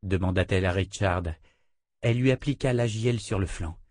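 A man narrating a fantasy audiobook in a steady, measured reading style. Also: low voice, no room sound. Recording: dry close recording.

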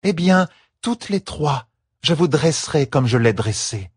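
An imperious young noblewoman who speaks in clipped, haughty commands, as a male audiobook reader puts her on. Her voice sits well above his own, husky at the edges. The dry, close sound keeps every order crisp and cold. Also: fairly high pitch, expressive, a little slow, dry recording, pitched above the performer's own voice. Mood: commanding. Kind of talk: audiobook character voice.

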